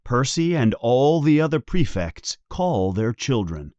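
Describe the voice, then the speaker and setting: Male storybook narrator, expressive and slow, slightly muffled recording. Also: mid-range voice, dry recording. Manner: expressive, unhurried. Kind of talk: storybook read-aloud.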